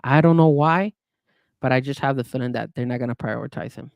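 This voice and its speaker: Animated man with restarts. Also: medium pitch, brisk, vocal fry, clear, resonant tone, dry recording, highs cut off. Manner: animated, hedging, many restarts. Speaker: podcast co-host. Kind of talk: casual sports chat.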